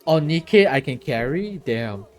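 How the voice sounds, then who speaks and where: A man's voice: fairly high pitch, animated, measured pace, soft background music. A tired man chatting casually while streaming a game, laughing often and answering his chat.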